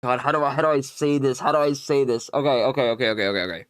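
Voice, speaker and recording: Streaming Minecraft, this young man races through a long, casual anecdote, his mid-range voice clean and dry in crisp studio sound. He rambles, leans on fillers, and laughs in exasperation as he retells it.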